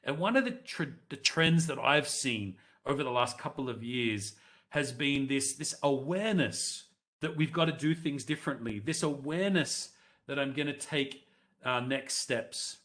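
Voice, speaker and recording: A man's voice: medium pitch, moderate pace, a bit bright. Man presenting a live webinar on headset. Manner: conversational, addresses the audience directly and runs live polls.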